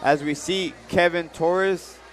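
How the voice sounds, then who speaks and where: A man's voice: on the high side, fairly even intonation, slow, a faint crowd. A man giving live boxing commentary as a broadcast commentator, introducing the fighters. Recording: music behind the voice.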